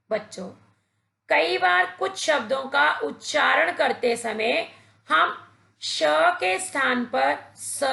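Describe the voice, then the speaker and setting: A woman teacher speaks directly to children in a slow, deliberate Hindi grammar lesson, patient and instructive. Her voice is high-pitched, gravelly and a bit bright, with a roomy sound.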